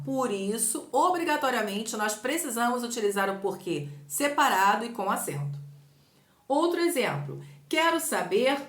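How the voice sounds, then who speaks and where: A woman teacher with a Brazilian accent giving an online grammar lesson, explaining clearly and patiently. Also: a little high, fairly bright tone. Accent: Brazilian Portuguese. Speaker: Portuguese teacher. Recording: echoey room.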